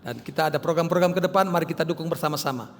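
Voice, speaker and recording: A middle-aged male pastor preaching in a church hall, moving from raised calls to quiet asides. His voice sits fairly high. A long reverb trails after each phrase. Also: racing, creaky. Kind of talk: sermon.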